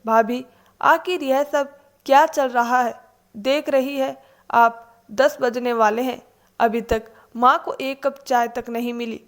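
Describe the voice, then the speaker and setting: Woman reading an indignant young married daughter, insistent and reproachful, fairly high voice; storybook. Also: fairly even intonation, slow.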